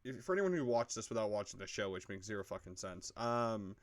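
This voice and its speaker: A man's voice: fairly low pitch, very animated, a little fast. A man co-hosting a casual show review, rambling with lots of fillers and frequent swearing. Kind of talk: casual chat.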